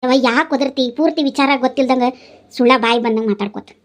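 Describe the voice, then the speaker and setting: A woman's voice: sits high, fast, noisy background, close to an everyday voice. A woman voicing a pregnant young wife in a cartoon, defending herself to her mother in a North Karnataka Kannada accent. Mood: defensive. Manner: defensive, pleading, explaining.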